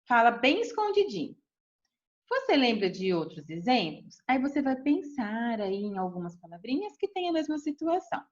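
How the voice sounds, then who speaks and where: Woman teacher, patient step-by-step explainer, animated higher voice, dull lo-fi recording. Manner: checks in with "tá bom?" and "ó". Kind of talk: recorded remote lesson.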